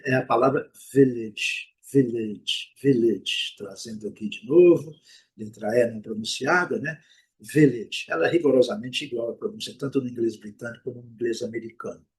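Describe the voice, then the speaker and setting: A Brazilian man with a husky, rough-edged voice gives a pronunciation lesson at a middle pitch. He drills each word slowly, saying it three times over. He keeps tagging his lines with little check-ins to his students. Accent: Brazilian Portuguese. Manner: repeats words slowly, frequent "né?" and "ok?". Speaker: English pronunciation teacher. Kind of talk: explaining pronunciation, slow modeled repetitions.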